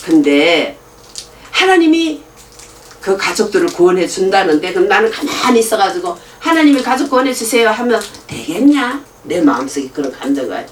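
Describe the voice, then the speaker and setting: A middle-aged woman preaches a sermon built around stories, speaking at medium pitch and a normal speed. She is animated, acting out both sides of conversations in different voices and laughing often. The room echoes, she is picked up from a distance, and there is slight background noise.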